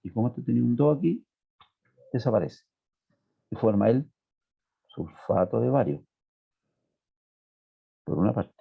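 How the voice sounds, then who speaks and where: Slow-talking chemistry teacher on a tinny line. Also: male voice, mid-range voice, lively intonation, vocal fry, breathy edge. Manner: slow, explains step by step, checks in with students. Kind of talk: online class lecture.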